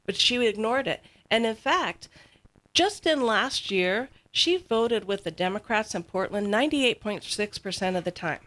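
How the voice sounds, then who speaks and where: A woman's voice: mid-range voice, expressive, a little slow, a bit bright. A woman speaking as a radio talk show guest, making conversational political points with rhetorical, pointed phrasing.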